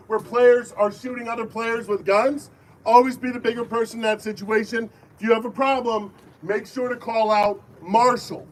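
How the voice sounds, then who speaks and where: High-voiced man addressing a crowd outdoors, firm and commanding, heard from a distance with faint noise. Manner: firm, call-and-response, commanding. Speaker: airsoft event briefing leader. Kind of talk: safety briefing to a crowd. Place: outdoor airsoft field.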